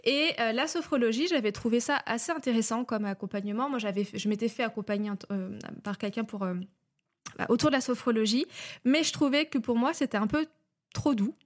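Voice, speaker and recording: A woman's voice: on the high side, a little fast. Hesitant, chatty woman coach as guest. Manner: talkative, many hesitations, a bit nervous. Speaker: guest, life and breathwork coach. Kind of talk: casual interview chat.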